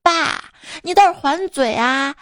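A woman's voice: sits high, lively intonation, unhurried, a bit bright, no echo, clean studio sound, pitched above the performer's own voice. A woman voicing a cheeky little girl who bosses her parents around in a pert, bossy tone.

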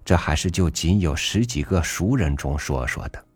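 A man reading a literary essay aloud for a podcast, measured and earnest, rising emphatically on rhetorical questions. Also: a bass voice, expressive, breathy edge, dry recording. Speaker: podcast reader. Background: soft background music.

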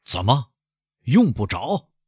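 Man voicing a loud, commanding court judge. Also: medium pitch, huge pitch swings, normal speed, breathy edge, no echo, clean studio sound, voice pushed up, heavily acted. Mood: alarmed. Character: stern, alarmed middle-aged male presiding judge.

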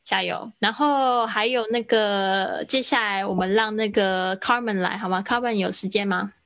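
A woman's voice: medium pitch, fairly even intonation, normal speed, a bit bright. A woman teaching English pronunciation in a live online lesson, correcting and drilling words one by one over a video call.

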